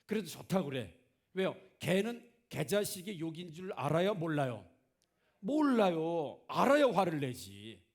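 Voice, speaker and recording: A man's voice: on the high side, very animated, a little slow. A man preaching a Sunday sermon as pastor, asking the congregation questions, answering them himself and acting out quoted voices. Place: church sanctuary.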